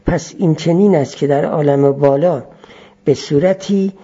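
A man teaching philosophy in a measured lecture style, repeating key phrases as he explains. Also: a little high, mellow, slightly rough, lo-fi sound.

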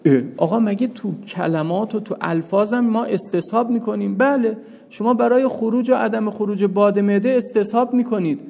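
A male seminary teacher explains a point of law step by step, raising questions and answering them himself. His voice sits high and has a gravelly edge. The recording is dull and lo-fi, with a long reverb trailing behind him. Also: warm tone. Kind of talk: jurisprudence lecture.

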